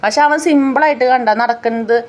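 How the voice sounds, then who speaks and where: Fast-talking woman from Kerala. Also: sits high. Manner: chatty, tells the story step by step. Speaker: family vlogger. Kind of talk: casual voice-over narration.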